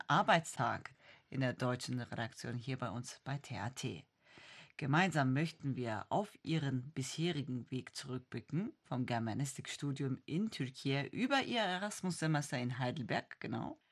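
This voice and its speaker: A woman's voice: a bass voice, husky. A woman in her forties hosting a radio interview, asking friendly, encouraging questions. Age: 40s. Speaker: radio host.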